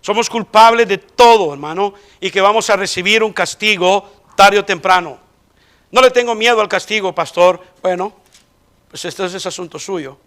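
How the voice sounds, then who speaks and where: A male pastor preaching a sermon in a church, emphatic and rising sharply in pitch when he quotes voices. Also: normal speed, a bit bright. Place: church sanctuary.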